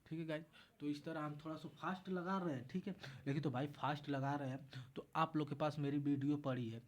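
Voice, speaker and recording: A man's voice: on the high side, steady tone, a little fast. A man tutoring math in a casual exam-prep lesson, walking through each step and repeating himself as he explains.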